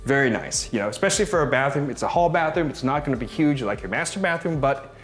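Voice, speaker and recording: A man's voice: mid-range voice, animated, fast talker, a bit bright, soft background music. A man in his thirties giving a casual walk-through home tour as a gushing, admiring real estate agent. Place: inside rooms of a modern house, briefly on its balcony.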